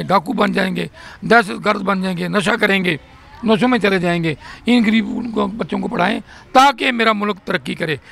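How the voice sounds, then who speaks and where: Gravelly older Pakistani man, pleading. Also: high voice, sharp tone. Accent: Pakistani Urdu. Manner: impassioned, pleading, repetitive appeals. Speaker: volunteer teacher of slum children. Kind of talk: earnest interview monologue. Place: outdoors at an open-air school.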